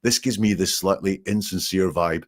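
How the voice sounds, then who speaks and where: Lowish-voiced man explaining statement analysis. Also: moderate pace. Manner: explanatory, quotes lines in mock voices. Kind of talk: live analysis chat.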